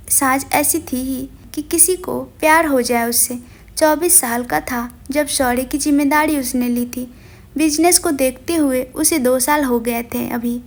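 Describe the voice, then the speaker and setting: A woman storyteller giving a gentle, steady scripted narration of an audio story. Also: sits high.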